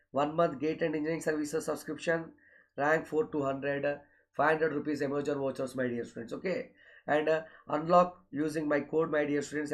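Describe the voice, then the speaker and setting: The recording is rough, carrying a fairly high-pitched man with a South Indian accent who teaches online coaching. Announcing courses and schedules, he repeats himself and keeps turning to his students with filler okays.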